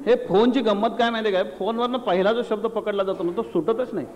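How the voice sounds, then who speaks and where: A man's voice: high voice, fairly even intonation, brisk, darkish tone. A man doing stand-up on stage, telling stories in a chatty way that he builds around examples. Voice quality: chatty, explains with examples and impressions. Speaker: stand-up comedian. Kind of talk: live stand-up storytelling. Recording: echoey hall with faint hiss.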